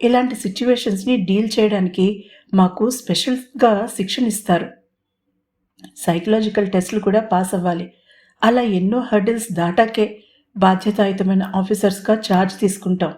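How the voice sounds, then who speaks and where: Lady reading as a cool-headed young cop guy, measured and teasing, mellow warm tone, storybook audio. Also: mid-range voice, fairly even intonation, natural voice. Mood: calm. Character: stern young male police officer, calm and teasing.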